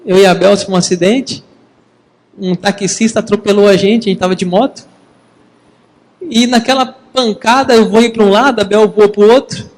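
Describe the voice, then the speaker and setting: A man preaching a sermon in a lively, conversational way, addressing the congregation as brothers. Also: sits high, moderate pace, big-room sound, rough recording. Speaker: pastor.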